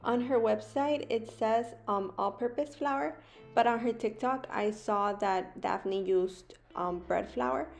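A woman's voice: fairly high pitch, slow, vocal fry. A young woman vlogger narrating a recipe voice-over, explaining each step plainly. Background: guitar music.

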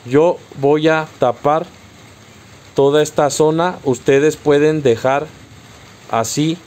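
A Mexican man walks viewers through a how-to in a slightly high voice. He speaks slowly and patiently, giving each step as a direct instruction. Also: steady tone, darkish tone. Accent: Mexican Spanish. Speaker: car accessory tutorial host.

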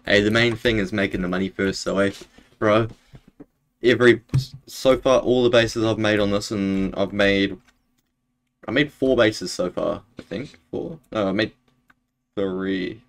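A young man chats with his viewers while he plays, at an unhurried pace and in a slightly low voice. His talk is laid-back and loose, full of fillers, and he is at a desk mic in a room at home. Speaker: Minecraft streamer. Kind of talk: casual live-stream gaming chat.

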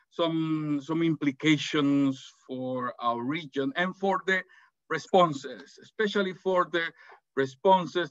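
A man's voice: a little high, no room sound. Salvadoran man moderating a webinar. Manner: hesitant, many fillers and restarts. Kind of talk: academic webinar presentation. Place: office. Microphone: video call. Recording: dull, dry video call audio.

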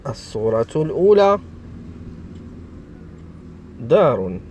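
A man's voice: mid-range voice, very animated, slow, warm tone, slight background noise. A man giving a reading lesson to young children, stretching and repeating each word to stress its sounds. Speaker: primary school teacher.

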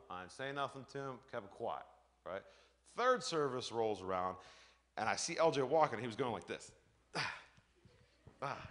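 A male pastor preaching a lively sermon, telling personal stories and acting out the voices in them. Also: mid-range voice. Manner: animated storytelling, acts out voices, shouts and laughs.

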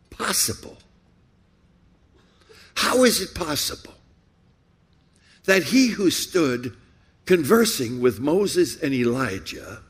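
Husky preacher man with slow, lively delivery. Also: fairly high pitch. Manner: rhetorical, repeating questions with rising emphasis. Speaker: pastor. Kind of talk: sermon.

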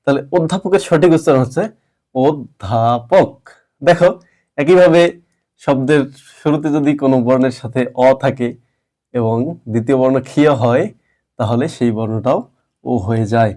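A man's voice: mid-range voice, steady tone, dark tone. Male teacher, methodical, repeats key words for students. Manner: patient, explains step by step, repeats words slowly. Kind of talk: grammar lesson at a board.

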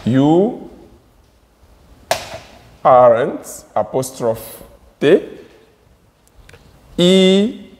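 Man, English teacher, very slow drilling delivery, somewhat high voice, long room reverb. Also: sing-song, darkish tone, a little hiss or hum. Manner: drills words by repeating them slowly. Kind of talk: slow classroom explanation at a board.

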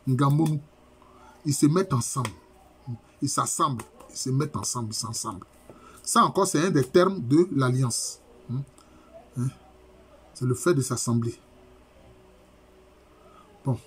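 A middle-aged man, lecturing as a professor and explaining terms slowly with many repetitions. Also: medium pitch, husky. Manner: explains terms slowly, repeating key phrases. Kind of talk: university lecture.

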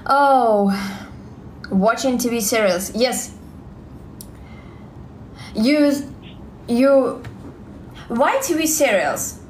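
Slow, halting Russian-accented young woman. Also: on the high side, expressive, a little mellow, echoey room, a little hiss or hum. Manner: halting, simple English with many fillers and repeats. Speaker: livestream vlogger. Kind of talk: live stream chat, reading comments. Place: indoors, small room. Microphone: phone held close.

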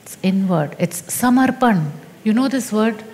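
A woman spiritual teacher speaking in a slow, deliberate and emphatic way in a teaching dialogue. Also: mid-range voice, expressive, a little mellow, long reverb tail.

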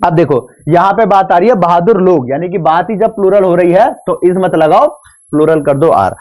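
A man's voice: high-pitched, normal speed, darkish tone. A man teaching English grammar in an online exam-prep class, speaking mixed with English, teasing and playfully scolding his students, repeating rules and asking them to say yes. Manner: repeats points, asks students to answer yes.

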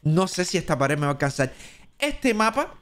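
A man with a Cuban Spanish accent, streaming live gameplay and chatting as he thinks aloud, now and then jumping into a squeaky high voice. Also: fairly even intonation, fast. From Cuba.

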